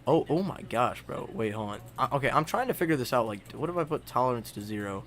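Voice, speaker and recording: A man's voice: mid-range voice, expressive, fast talker, fairly bright tone, slight background noise. A young man narrating a server's border history in casual, rambling commentary full of fillers and restarts while he edits a map. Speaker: video creator.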